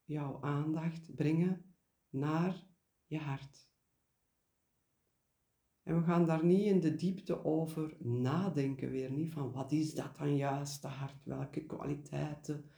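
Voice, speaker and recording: A man guiding a meditation in a gentle, deliberate way, pausing and repeating key words. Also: a little high, fairly even intonation, creaky, roomy sound. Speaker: meditation guide. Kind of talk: guided meditation, spoken reflection.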